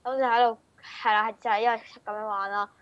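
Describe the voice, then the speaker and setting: High-voiced young Hong Kong Cantonese woman. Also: fairly even intonation, brisk, no echo, highs cut off. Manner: informal, playful, slangy. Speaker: video host. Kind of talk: casual challenge vlog chat.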